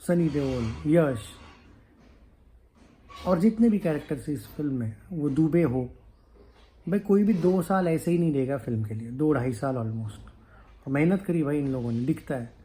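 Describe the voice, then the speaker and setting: A man, a film news YouTuber chatting casually to his viewers, pausing with fillers and slipping into English phrases. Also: fairly high pitch, warm tone. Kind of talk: casual chat to camera.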